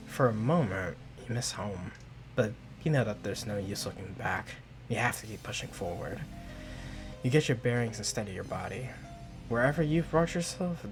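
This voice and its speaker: A man narrating a tabletop role-playing game as game master, telling the story in the second person. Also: mid-range voice.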